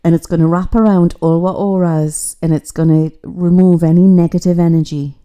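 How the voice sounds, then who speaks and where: Mellow low-voiced psychic woman. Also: steady tone, normal speed, clean tone. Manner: chatty, rambling, mystical. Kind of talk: casual livestream spiritual reading.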